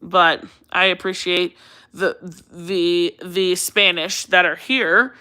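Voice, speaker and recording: An American woman from Colorado hosts a casual livestream, chatty and rambling, repeating phrases for emphasis as she answers viewers. Her fairly low voice is steady and slow, pushed and bright, with a clear, resonant tone.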